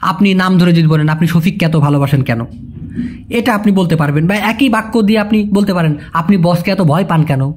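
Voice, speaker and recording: A language teacher, speaking in a colloquial way and repeating example phrases slowly. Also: mid-range voice, darkish tone. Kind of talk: language lesson.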